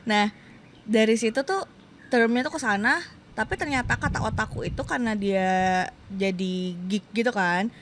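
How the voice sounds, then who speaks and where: A woman's voice: fairly high pitch, normal speed, background noise. A woman in her thirties, a podcast guest, chatting casually and acting out the voices of people in her stories, laughing often.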